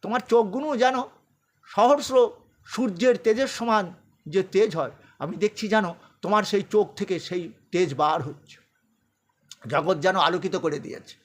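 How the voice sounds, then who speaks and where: A man's voice: high voice, moderate pace. A man voicing an awestruck young warrior who pleads and exclaims, within a sermon. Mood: awestruck, pleading.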